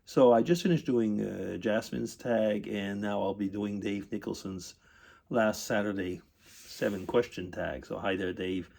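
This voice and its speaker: A retired older man vlogs indoors at his computer, chatting through tag questions in a casual way. His voice is on the low side, steady and a little mellow, and he stumbles along with frequent ums and clearings of the throat.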